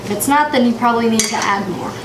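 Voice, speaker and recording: A fast-talking teen girl with a voice on the high side gives a casual cooking demo at home, explaining each step chattily with many fillers. It's filmed on a phone camera, handheld at times, in an echoey kitchen with loud background noise.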